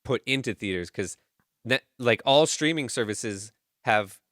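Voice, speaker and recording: A young man co-hosting a podcast in casual chat, animated and profane, jumping up in pitch for emphasis. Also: measured pace, no echo, studio quality. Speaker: podcast co-host.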